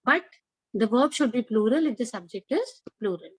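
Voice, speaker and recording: Higher-pitched Indian woman teaching a class. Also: expressive, normal speed, breathy edge, no echo. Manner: instructing, repeats herself and checks with questions. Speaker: school English teacher.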